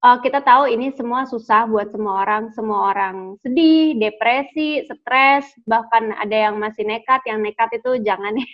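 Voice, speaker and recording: Chatty actress on a lo-fi call. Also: female voice, fairly high pitch, moderate pace. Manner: chatty, hesitant fillers, laughs often. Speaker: interview guest, actress. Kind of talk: casual video call interview. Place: home during lockdown.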